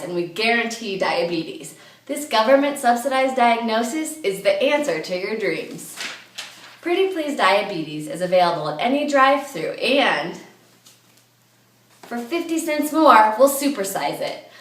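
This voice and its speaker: A woman reading a mock commercial as an announcer, in an upbeat sales-pitch manner. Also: very animated, moderate pace, a bit bright. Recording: echoey, from a distance.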